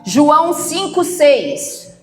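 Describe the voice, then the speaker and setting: A woman pastor preaching a sermon, slow and emphatic, shifting between loud outbursts and hushed questions. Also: high-pitched, very animated. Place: church. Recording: echoey church with soft music. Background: soft instrumental music.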